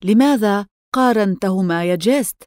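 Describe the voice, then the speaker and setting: A woman's voice: mid-range voice, normal speed, darkish tone, no room sound, studio quality, natural voice. A woman reading the lines of a reserved middle-aged male lawyer in a storybook, in a grave, guarded manner.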